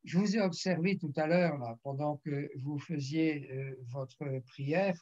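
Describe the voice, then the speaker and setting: Un pasteur âgé qui raconte un témoignage en prédication, en jouant les dialogues et en se raclant souvent la gorge. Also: male voice, on the high side, measured pace, darkish tone, highs cut off. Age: older. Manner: storytelling, acts out dialogue, frequent throat clearing. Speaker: pastor. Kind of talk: sermon testimony.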